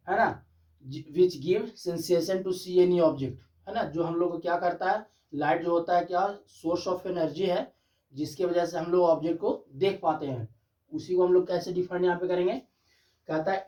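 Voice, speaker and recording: A man teaching a physics class, asking and answering his own questions and slowly dictating definitions. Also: on the high side, warm tone. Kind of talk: classroom lecture. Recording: dull distant classroom recording.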